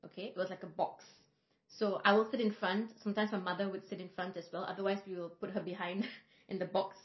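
A woman who is a singer and vocal coach, from Singapore, telling stories in a relaxed podcast chat with frequent fillers. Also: mid-range voice, fast talker. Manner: reflective, storytelling, frequent fillers. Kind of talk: casual podcast conversation. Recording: roomy, slightly dull podcast audio.

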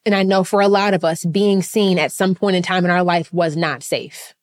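A woman's voice: on the low side, fairly even intonation, moderate pace. A woman business coach giving an impassioned, repetitive motivational talk, swearing freely.

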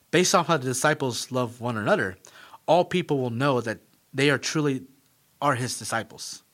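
Male podcast teacher, casual and animated, mid-pitched voice. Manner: conversational, animated, with tangents and asides. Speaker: podcast host and Bible teacher.

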